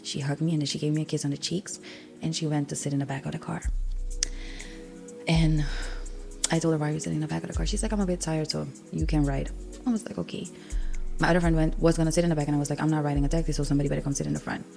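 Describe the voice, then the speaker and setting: Soft music plays behind a young woman whose low, steady, mellow voice races along with vocal fry. She hosts a personal spiritual podcast in a Surinamese accent, Sranan Tongo being her first language, and she's sniffly with a cold, earnest and raw, confessing things with many ums.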